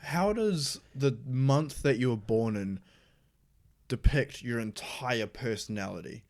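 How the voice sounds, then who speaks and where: A man's voice: medium pitch, takes it slowly, darkish tone. A young man with a New Zealand accent, co-hosting a casual podcast and bluntly dismissing ideas, with some swearing. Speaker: podcast co-host. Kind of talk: casual chat.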